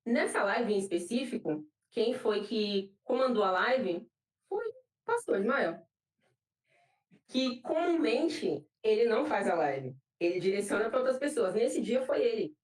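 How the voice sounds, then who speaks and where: A woman's voice: fairly high pitch, sing-song, measured pace. Brazilian woman giving church testimony, echoey. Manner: emotional storytelling, repeats phrases for emphasis. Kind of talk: personal testimony. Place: church hall. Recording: roomy, from a distant mic.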